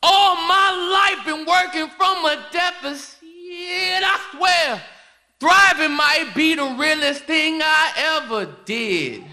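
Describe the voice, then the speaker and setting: A man performing rhythmic, half-sung spoken word with shouted refrains over music. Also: very high-pitched, expressive, slow.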